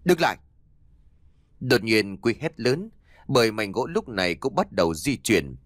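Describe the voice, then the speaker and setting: A man narrating a scripted ghost story audiobook in an expressive, dramatic reading. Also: on the low side, normal speed, no room sound, studio quality.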